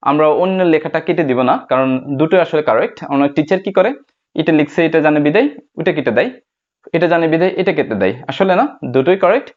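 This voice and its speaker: A Bengali-speaking man teaching an English lesson, repeating each point slowly and asking and answering his own questions. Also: a little high, highs cut off. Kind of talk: classroom lesson.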